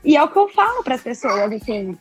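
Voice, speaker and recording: A woman, a podcast guest telling her story in an expressive, chatty way with lots of tag questions. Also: high-pitched, fairly quick, slightly rough, no echo, soft background music. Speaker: podcast guest, breastfeeding consultant. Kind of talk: casual interview chat.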